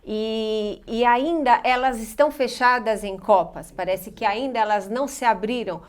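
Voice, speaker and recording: A woman's voice: fairly high pitch, normal speed, smooth. A woman with a Brazilian Portuguese accent hosts an interview. She nods along with short words and then asks long, winding questions. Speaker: host. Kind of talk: interviewing a guest.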